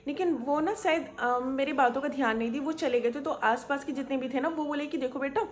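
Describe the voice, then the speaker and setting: A woman's voice: high-pitched, brisk. A young woman vlogging on a crowded local train, chatty and storytelling, retelling her conversations at length. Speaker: travel vlogger. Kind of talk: casual vlog storytelling.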